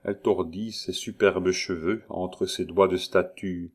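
A man narrating a classic novel as an audiobook in a measured, deliberate reading. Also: low-pitched, steady tone.

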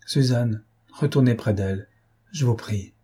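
A man's voice: mid-range voice, unhurried, mellow, husky. A man voicing a grief-stricken middle-aged father, speaking in anguish. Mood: strained. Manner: anguished, pleading.

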